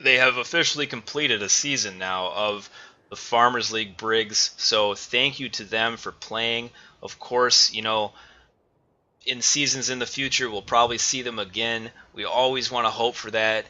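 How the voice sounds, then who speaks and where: A man casting a live esports match, excitable and getting loud on big plays. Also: mid-range voice, normal speed, highs cut off. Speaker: esports caster. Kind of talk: live play-by-play commentary.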